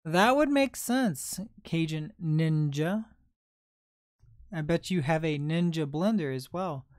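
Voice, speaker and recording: A man in his late twenties hosts a relaxed livestream, talking easily and answering viewer comments one after another. His voice is smooth and clear. The sound is dry and close, with no room echo. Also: on the high side, takes it slowly. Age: 20s. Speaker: livestream host and reseller. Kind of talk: casual livestream chat.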